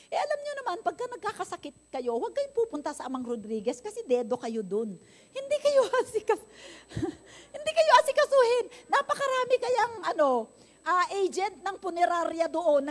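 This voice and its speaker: An older woman preaches in a church, telling a healing testimony with lively storytelling and bursts of laughter. Her voice sits high and swings widely in pitch as she acts out each moment. She slips easily between her sermon and English phrases. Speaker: pastor.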